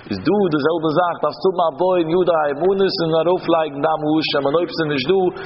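A man's voice: a little high, fairly quick. Man teaching Talmud in a reverberant hall. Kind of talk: traditional Talmud lesson. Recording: dull reverberant hall recording with faint background noise.

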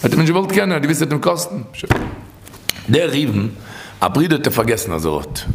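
A man's voice: on the high side, very animated, brisk, creaky, a little hiss or hum. A man teaching a Torah lesson and telling stories in a sing-song way that swings widely up and down. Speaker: religious teacher.

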